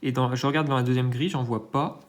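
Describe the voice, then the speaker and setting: This host of a scratch-card channel speaks quickly in a steady, mid-range voice, giving think-aloud, hesitant commentary as he scratches lottery tickets, peppered with fillers and jokes at his own expense.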